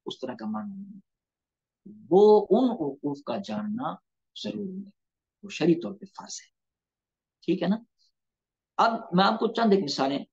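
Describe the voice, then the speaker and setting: A male Islamic scholar teaches Quran recitation over a phone call, with a slightly raised voice. The audio is dull and lo-fi. He explains step by step, repeating terms and checking in with his listeners. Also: on the high side. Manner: explanatory, repeats key terms, asks rhetorical questions. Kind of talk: online lecture with Quran and hadith recitation. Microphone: mobile phone on a video call.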